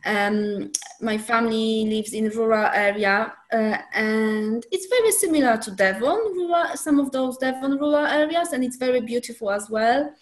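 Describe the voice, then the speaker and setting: A woman in her thirties from Poland, speaking English with a Polish accent, introducing herself unhurriedly over a video call and often pausing with ums. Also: on the high side. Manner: unhurried, searching for words with frequent ums. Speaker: community organiser introducing herself. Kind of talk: casual self-introduction in an online group meeting.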